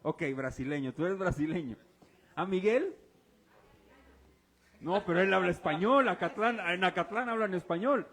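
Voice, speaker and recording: A man's voice: high-pitched, normal speed, pauses often, a bit bright. A man preaching a sermon as pastor, firing casual, teasing questions at his congregation during a church service. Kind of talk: interactive sermon.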